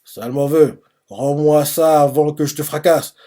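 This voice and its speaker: A menacing gang boss from a manga who issues blunt threats, read out by a man. There is little change from the reader's ordinary, fairly high speaking voice. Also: steady tone, a little slow, warm tone, close to an everyday voice.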